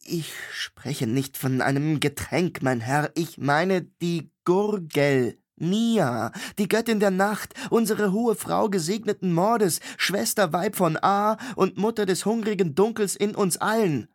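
A haughty young woman speaks in a raised, tight voice, formal to the point of stiffness, as a male narrator puts her on. The storybook heroine keeps her words measured and clipped, though the calm sounds forced. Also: high voice, pitched above the performer's own voice. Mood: indignant. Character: young woman, proud, sharp-tongued acolyte.

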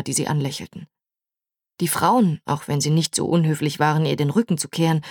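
Low-voiced woman narrating an audiobook. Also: darkish tone, no room sound, clean studio sound. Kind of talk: scripted narration.

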